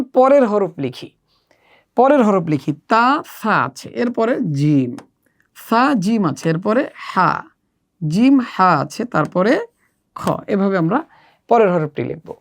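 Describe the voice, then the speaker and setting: A woman walks young learners through an Arabic alphabet workbook. She speaks slowly and patiently, with a gravelly, creaky edge to her mid-pitched voice. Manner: slow, patient step-by-step instruction. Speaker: Arabic teacher for children. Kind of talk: workbook lesson walkthrough.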